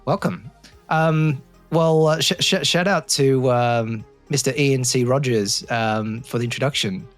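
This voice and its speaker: A man's voice: medium pitch, measured pace, soft background music. A man hosting a podcast, interviewing a guest in casual talk and often hesitating with fillers and restarts. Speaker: podcast host.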